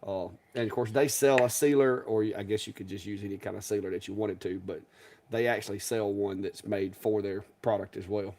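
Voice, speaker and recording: A man's voice: lowish voice, steady tone, brisk, a little mellow. A man co-hosting a live stream, talking casually in a rambling, folksy way. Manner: rambling, folksy, restarts and chuckles. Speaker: co-host.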